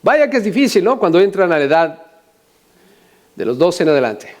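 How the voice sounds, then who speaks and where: A man's voice: high-pitched, sing-song, moderate pace, a little mellow. An older male pastor preaching a sermon, often asking the congregation questions and adding joking asides.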